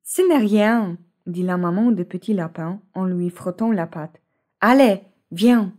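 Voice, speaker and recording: A woman narrating a bedtime story in a soothing, expressive way. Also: lowish voice.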